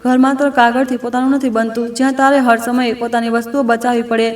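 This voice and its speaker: A woman voicing a caring mother who gently advises her grown daughter. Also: a little high, little pitch movement, fast, close to an everyday voice. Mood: gentle. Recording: echoey room.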